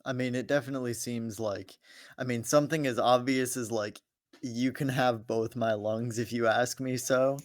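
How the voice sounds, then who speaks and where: A man's voice: medium pitch, steady tone, normal speed, no echo, clean studio sound. A young man co-hosting a casual music podcast, laid-back and hedging with "I mean". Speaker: podcast co-host.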